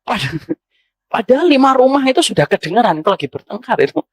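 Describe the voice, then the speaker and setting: A male Islamic preacher giving a sermon to women, speaking to them directly, asking them questions and moving between low, calm passages and raised, emphatic ones. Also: fast, breathy edge. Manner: addresses audience directly, asks them questions. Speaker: ustadz preacher.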